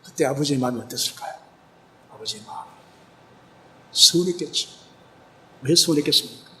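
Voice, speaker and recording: A man's voice: a little high, brisk, bright, forceful tone. A male pastor preaching a sermon, retelling a parable and asking rhetorical questions.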